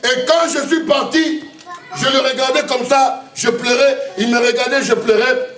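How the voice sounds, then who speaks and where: High-voiced pastor, echoey room. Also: male voice, fairly even intonation, normal speed, fairly bright tone, far from the mic. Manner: emotional storytelling with repeated phrases. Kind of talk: testimony sermon.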